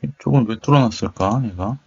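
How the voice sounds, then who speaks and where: A tech video channel host thinks aloud while commenting on his screen during a demo, musing tentatively and murmuring to himself in a casual way. His mid-range voice is husky and gravelly with a darkish tone, and he talks a little fast. The dull, lo-fi microphone gives the recording a muffled quality.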